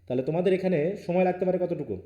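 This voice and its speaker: A man's voice: sits high, racing, mellow, reverberant. A male teacher from Bangladesh leading a live online class, firm and questioning, mixing Bengali with English.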